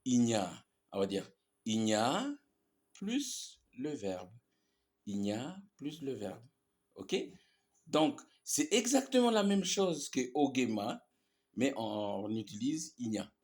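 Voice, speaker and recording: A man's voice: medium pitch, sing-song, slow, a little mellow. A man teaching a language lesson, explaining grammar patiently and repeating each example with frequent "ok?" checks.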